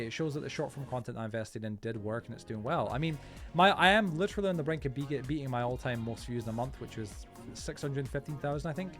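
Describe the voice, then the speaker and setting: Guy streamer yapping nonstop to chat, quick and rambly, super casual slangy talk, music in there. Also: a little high. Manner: informal, slangy, often addressing viewers as bro, man, dude. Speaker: livestreamer and video creator chatting with viewers. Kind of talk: casual gaming livestream chat.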